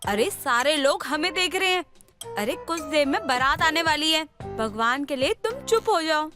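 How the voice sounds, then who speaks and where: A woman voicing a fussy middle-aged aunt in an animated story, coaxing and flustered. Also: sits high, moderate pace, music in the background. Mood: anxious. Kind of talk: animated cartoon voice acting.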